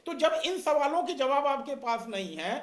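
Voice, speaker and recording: A man speaking as a senior journalist on a TV debate panel, calm and reasoning. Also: very high voice, normal speed, reverberant. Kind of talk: TV news debate.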